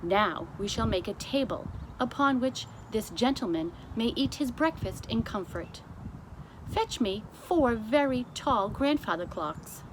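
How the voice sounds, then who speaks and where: Reading a children's storybook, a woman voices a composed, commanding male royal butler who gives formal, precise orders. Her voice is a little high, unhurried and lively in intonation, captured on a clearly noisy amateur recording.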